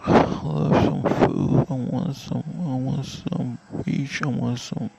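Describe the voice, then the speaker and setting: Drowsy, creaky-voiced man talking in his sleep. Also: medium pitch, fairly even intonation, slow pace, lo-fi sound, heavy background noise. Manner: mumbled, drowsy, fragmented and repetitive. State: asleep.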